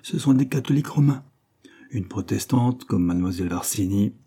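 A man's voice: fairly low pitch, animated, moderate pace, dark tone, husky. A man reading a stern, sour middle-aged lady of the house in an audiobook, speaking severely.

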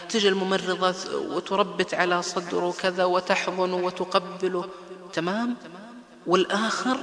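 A man preaching a lively religious lecture, acting out the voices he quotes. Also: high voice. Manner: animated, acts out quoted voices. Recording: echoey hall with crowd.

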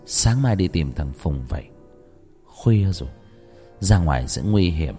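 A man narrating a first-person ghost story dramatically, at times shouting in anguish. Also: low voice, lively intonation, unhurried. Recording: reverberant with background music.

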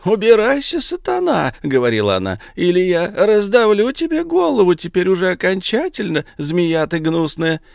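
A man's voice: high voice, huge pitch swings, normal speed, creaky, few pauses, no room sound, studio quality, pitched above the performer's own voice, full character voice. A man voicing a proud wooden statue of the Virgin, a female figure who scornfully threatens the devil. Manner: haughty, threatening.

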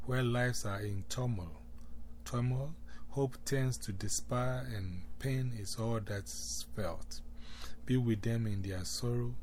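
Slow, low-voiced man reading prayers. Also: a little mellow, a little hiss or hum. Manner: slow, measured, solemn reading with pauses. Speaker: prayer leader.

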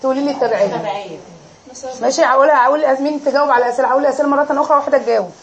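A woman's voice: high voice, rapid-fire, lo-fi sound, a little hiss or hum. A woman with an Egyptian accent teaching an Arabic grammar lesson in a classroom, quizzing her students and drilling them on each answer.

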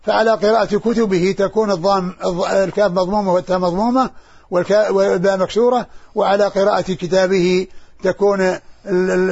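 A high-pitched man with a gravelly, husky voice teaches as a sheikh in a scholarly lesson. He speaks haltingly, restarting words and repeating syllables. The recording sounds dull and lo-fi. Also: a little mellow.

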